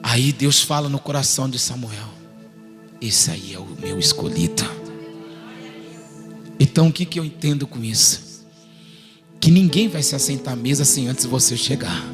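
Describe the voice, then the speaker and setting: A man preaching a sermon, telling stories dramatically and breaking into shouts. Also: medium pitch, normal speed, music in the background. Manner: dramatic storytelling, acting out quotes, shouting.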